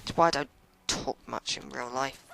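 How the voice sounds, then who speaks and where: Low-voiced woman narrating gameplay. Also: normal speed, vocal fry, fairly bright tone, a little hiss or hum, poor audio. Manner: stumbles over words, self-deprecating. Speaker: let's play commentator. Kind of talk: casual gameplay commentary.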